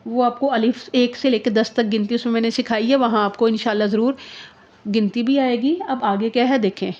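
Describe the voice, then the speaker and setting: A woman's voice: on the high side, steady tone, a little fast, a little mellow. A woman with a sore throat, patiently teaching handwriting, asking questions and answering them herself. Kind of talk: handwriting lesson. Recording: dull lo-fi sound.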